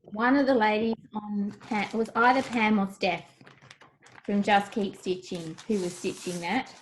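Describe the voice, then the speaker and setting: On a home video call, a middle-aged woman co-hosting a craft video blog chats casually and shows things. She has a mid-range voice, fairly even intonation and a slightly slow pace, and the poor audio has a little hiss or hum.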